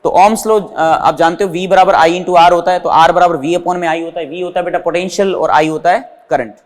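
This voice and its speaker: A man's voice: sits high, fairly even intonation, normal speed, big-room sound. A male physics teacher explains units step by step, asking his students questions and answering them himself. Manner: calls his students "beta". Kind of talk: whiteboard physics lesson.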